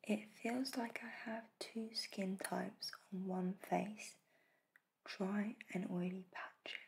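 Slow, soft whispered role-play by a woman. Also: medium pitch, steady tone, creaky, slight background noise. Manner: gentle, slow, reassuring. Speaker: spa facial therapist in role-play.

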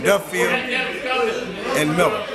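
An older man talks in a blunt, plainspoken way, his voice sitting a little high. He sits close to a camera in a small room. Heavy crowd chatter fills the background. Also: fairly even intonation, slow pace. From Detroit, USA. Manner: blunt, plainspoken, salty with slang. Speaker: interviewee recalling his old neighborhood. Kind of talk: casual reminiscing interview.

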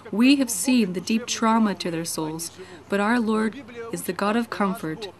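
Earnest woman narrating a church voice-over. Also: mid-range voice. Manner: earnest, measured preaching tone. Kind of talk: read church introduction voice-over.

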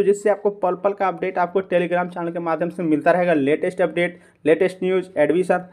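A man's voice: sits high, darkish tone. A man hosting a screen-recorded tutorial, talking viewers through steps and often asking and answering his own questions. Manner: repeatedly addresses viewers as friends, asks and answers own questions. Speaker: YouTube channel host.

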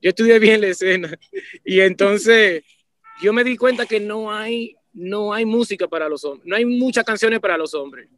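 Band leader, man; passionate, circling talk; high voice, dry recording. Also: unhurried, a bit bright, dry recording. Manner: earnest, passionate, repeats himself with restarts. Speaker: band leader, interview guest. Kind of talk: casual interview talk.

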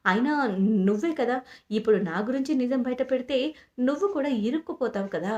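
A woman's voice: high voice, animated, a little fast, mellow, highs cut off, pitched above the performer's own voice. A woman voicing a resentful, scheming young woman who speaks bitterly and defensively in a retold serial story.

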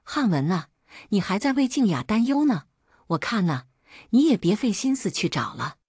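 A jealous young concubine, sugary one moment and icy the next, as a woman narrator puts her on. The voice is husky and lively, with a dry, close sound. It is a storybook villainess. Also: mid-range voice, moderate pace, no echo. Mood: coaxing. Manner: sweet-tongued turning cold and sneering. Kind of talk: storytelling voice acting.

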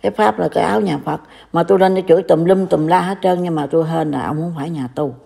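A woman's voice: on the low side, fast, vocal fry, mellow. An older woman from Vietnam with a Southern Vietnamese accent, scolding and warning in a casual online talk. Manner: scolding, reproachful. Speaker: commentator.

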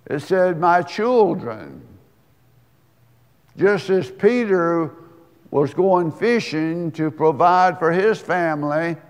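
Slow folksy preacher man in a reverberant hall. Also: on the high side. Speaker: pastor. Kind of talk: sermon.

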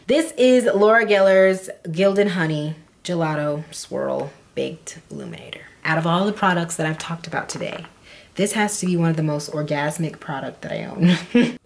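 A young adult woman vlogging casual beauty product reviews in a gushing, dramatic, playful way. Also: lowish voice.

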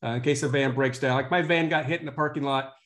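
A man who runs vanpools, explaining his plans in a measured way during a video call meeting. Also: medium pitch, steady tone, a bit bright. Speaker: vanpool operator.

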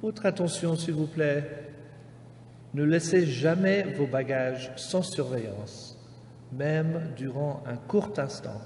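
A man making formal, measured airport announcements over a PA system. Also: on the high side. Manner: measured, formal, carefully spaced phrasing. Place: airport terminal. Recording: echoey hall PA with long reverb, faint noise.

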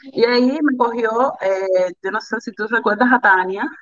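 A woman with a Cuban Spanish accent, a volleyball player telling her life story as an interview guest, candid and animated, repeating phrases for emphasis. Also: fairly high pitch, moderate pace, dull audio. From Cuba.

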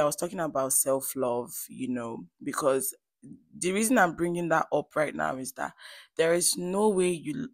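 A hair stylist and beauty vlogger with a low voice and a Nigerian Igbo accent gives a chatty tutorial voice-over. She's playful and emphatic, speaking directly to her viewers, and the recording is dry.

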